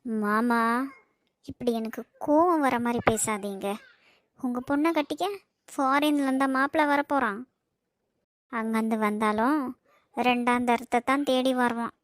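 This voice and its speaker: A woman's voice: fairly high pitch, measured pace, long pauses, dry recording, clean studio sound, voice pushed down, lightly acted. A woman voicing a bossy, scheming young wife in a cartoon, speaking Kanyakumari Tamil in a cold, threatening way. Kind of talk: cartoon voice acting.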